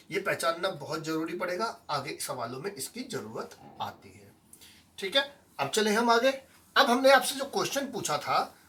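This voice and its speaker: A man's voice: high-pitched, pushed and bright. A man teaching a lesson, explaining step by step and often asking the class whether they follow, mixing in English words. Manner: mixes English words and phrases into his explanations. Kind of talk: online lesson explaining calendar tricks. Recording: voice sounding distant from the mic.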